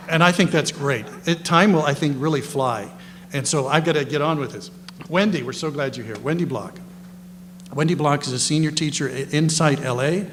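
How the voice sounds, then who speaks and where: A man hosting a lecture event, giving informal, partly read introductions in a rambling, self-correcting way with folksy asides. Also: medium pitch. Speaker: lecture host introducing guest panelists. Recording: echoey hall, clear background noise and hum.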